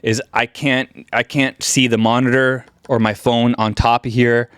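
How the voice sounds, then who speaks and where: A man's voice: mid-range voice, flat delivery, measured pace, fairly bright tone, smooth, dry recording, studio quality. A man presenting camera gear in a casual vlog, talking in a hesitant, rambling way as if thinking aloud. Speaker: videographer presenting a gear video.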